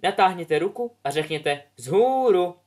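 A man voicing a brisk, impatient female flying teacher who barks loud commands at her pupils. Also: high voice, expressive, voice pushed up. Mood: bossy.

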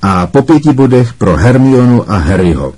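A man voicing a calm, kindly male teacher who praises and instructs his class. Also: medium pitch, breathy edge. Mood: warm praising.

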